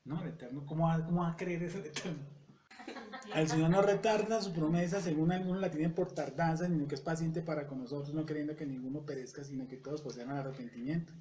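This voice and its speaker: A man teaching a Bible study in a conversational way. He often checks in with the audience and reads scripture verses slowly and deliberately. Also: on the high side, fairly even intonation, warm tone. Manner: conversational, keeps asking "yes or no?" to the audience.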